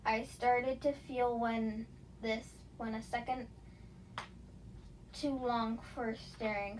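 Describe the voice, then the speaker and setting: A woman's voice: fairly high pitch, background noise. A woman narrating a first-person fan fiction story in a casual reading style, with small slips along the way.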